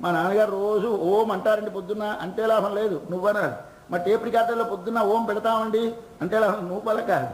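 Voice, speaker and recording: Man, Telugu accent, devotional sermon, high-pitched, roomy echo. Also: fairly even intonation, a little hiss or hum. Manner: asks and answers his own questions; chants verses in a slow singsong. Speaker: religious discourse speaker.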